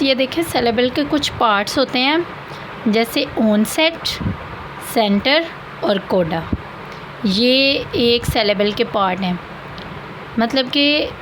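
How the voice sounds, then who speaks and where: A woman's voice: fairly high pitch, slight background noise. A woman teaching English grammar to students, explaining patiently and repeating key points. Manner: patient, repeats points, checks in with "theek hai". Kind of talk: slow classroom explanation of grammar.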